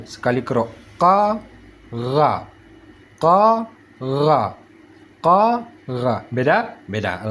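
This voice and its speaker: A man teaching letter pronunciation slowly and patiently, drilling syllables one by one and checking that his students follow. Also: high-pitched. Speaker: Quran recitation teacher. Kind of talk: slow step-by-step pronunciation lesson.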